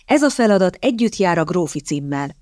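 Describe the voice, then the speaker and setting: A woman's voice: on the low side, very animated, a little mellow, no echo, studio quality. A woman reading a cool, cutting young lord. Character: stern, sharp-tongued young English lord.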